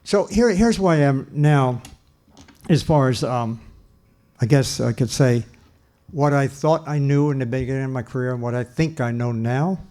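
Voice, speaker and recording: A man's voice: medium pitch, normal speed, dark tone. An older man giving a public lecture in a church, earnest and emphatic, repeating his key points and restarting sentences. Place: church hall.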